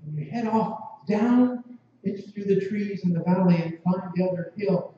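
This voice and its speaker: A male pastor tells a vivid sermon story, drawing listeners in with the second person. His voice sits high and mellow. He is picked up from a distance in a very echoey sanctuary, with dull sound. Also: normal speed, background noise. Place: church sanctuary.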